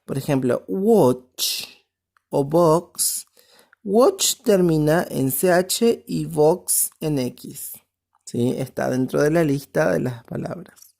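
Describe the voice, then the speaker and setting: Woman, English teacher, low voice, slow and patient, keeps checking for understanding. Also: creaky, warm tone. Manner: explains step by step, often checks with "¿sí?". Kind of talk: recorded online class.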